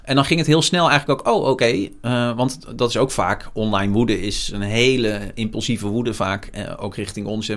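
A man in his forties, a news journalist, talking frankly and reflectively in an interview, often pausing with hesitations. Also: mid-range voice, a bit bright. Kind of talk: candid interview conversation.

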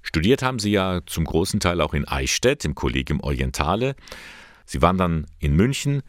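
A man presenting a church news report and interviewing a guest, with a clear, measured delivery. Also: deep voice, big pitch swings, dry recording, studio quality. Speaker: radio presenter.

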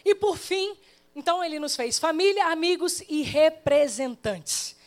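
A woman with a Brazilian Portuguese accent preaching a sermon in church, telling stories lively and acting out the voices. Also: high voice, unhurried. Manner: animated storytelling, acting out voices.

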